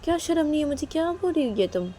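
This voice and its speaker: A woman's voice: high-pitched, big pitch swings, fast talker, mellow, a little hiss or hum, pitched above the performer's own voice. A woman voicing a caring young woman who pleads and coaxes her partner over and over. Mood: pleading coaxing. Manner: pleading, coaxing, repeating "please".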